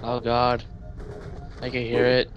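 A man's voice: mid-range voice, monotone, slow, lo-fi sound, slight background noise. A man playing a co-op game with friends, sarcastic and swearing as they banter. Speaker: gamer. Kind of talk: casual co-op gaming chat.

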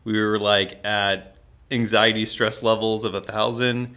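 A man co-hosts a vlog in an upbeat, chatty way, laughing easily between his lines. His voice is low but bright and forceful. It comes across as relaxed everyday talk to the camera. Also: unhurried. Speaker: vlog co-host. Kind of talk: casual vlog chat.

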